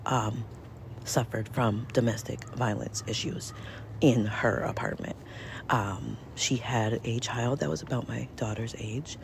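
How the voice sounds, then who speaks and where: Woman vlogger, casual story from home, unhurried, hesitant restarts, soft near-whispered asides, faint room hum. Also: extremely low pitch, creaky. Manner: halting, many fillers and restarts, drops to near whispers. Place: indoors at home.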